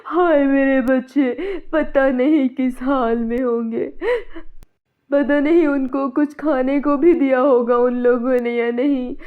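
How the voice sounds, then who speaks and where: Stern village husband. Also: female voice, deep voice, fairly even intonation, measured pace. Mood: wailing. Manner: scolding, then wailing in grief. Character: worried village husband, man, middle-aged, stern. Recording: tinny phone-like sound.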